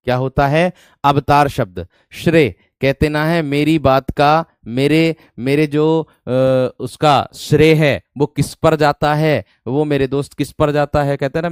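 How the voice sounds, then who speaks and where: Clear-voiced male online teacher. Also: a little high, a little mellow, no room sound, clean studio sound. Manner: repeats words, asks rhetorical questions, calls listeners "my friend". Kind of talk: online spelling lesson.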